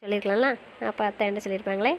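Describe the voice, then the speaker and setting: Cast a woman as a pouty, fast-talking young wife for an audio romance series, faint hiss behind. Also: mid-range voice, steady tone, dull audio, close to an everyday voice. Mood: sulky, playful. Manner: fast, pouty back-talk. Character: young wife, quick-tongued and sulky-playful.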